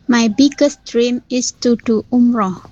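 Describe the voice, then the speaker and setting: A woman's voice: fairly high pitch, a little slow, dark tone. A woman speaking earnestly in a short prepared voice message sent in by a listener and played back. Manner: earnest and sincere. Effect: recorded voice message played back on the show. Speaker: listener sending in a voice note. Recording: dull lo-fi voice note.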